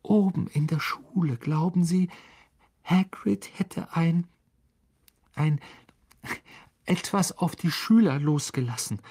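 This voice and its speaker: A man's voice: on the high side, slow, pauses often, dark tone, breathy edge, voice pushed up, full character voice. A man voicing a frightened but brave schoolboy wizard in an audiobook, speaking in a raised, urgent, breathless way. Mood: anxious.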